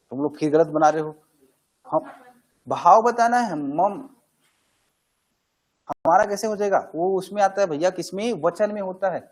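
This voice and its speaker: Husky, high-pitched male grammar teacher. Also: darkish tone, low-quality recording. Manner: conversational, asks questions and answers them himself. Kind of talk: classroom grammar lesson.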